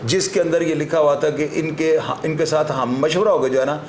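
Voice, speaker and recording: A man's voice: on the high side, fairly even intonation, moderate pace. A man with a Pakistani Urdu accent, a senior crime analyst explaining legal points in an emphatic, lecturing way on a talk show. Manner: lecturing, emphatic, frequent filler 'jo hai na'. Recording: echoey room with faint noise.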